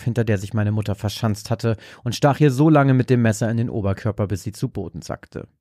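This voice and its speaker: A man narrating a dark horror story in a slow, measured way. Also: mid-range voice, no room sound, studio quality. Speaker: podcast host and story narrator.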